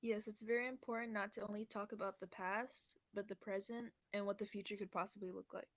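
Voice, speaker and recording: A young woman from the United States speaking as a panelist in a casual student podcast, measured and with some fillers. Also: mid-range voice, steady tone, dry recording.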